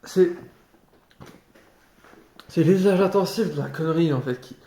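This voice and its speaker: A man improvising a theatrical tirade in a sardonic, mock-polite way, halting and repeating his words. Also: a little high, dark tone. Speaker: amateur actor improvising a monologue. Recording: roomy echo, clearly noisy background, clicks.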